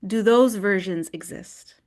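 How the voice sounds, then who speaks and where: A woman's voice: medium pitch, unhurried, a little mellow. A woman leading an online wellness workshop in a screen recording of a video call. She talks conversationally and often checks in with "right?".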